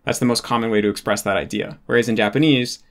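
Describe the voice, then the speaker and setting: A man's voice: fairly low pitch, steady tone, fast talker, vocal fry. A man talking casually as an interview guest, explaining ideas thoughtfully and filling gaps with "like". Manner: thoughtful, explanatory, many "like" fillers. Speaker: interview guest, Japanese learner.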